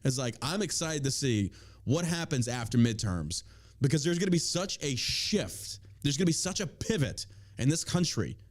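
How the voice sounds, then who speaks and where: A mid-pitched American man delivers casual political commentary. He is opinionated and emphatic, moves between reading items aloud and giving his own reaction, and swears freely. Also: sing-song, moderate pace. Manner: opinionated, emphatic, heavily profane.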